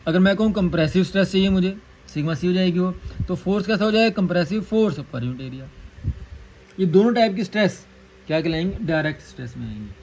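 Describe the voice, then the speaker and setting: A man teaching an engineering lecture, repeating key terms and dictating formulas slowly. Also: high voice, darkish tone, a little hiss or hum, poor audio.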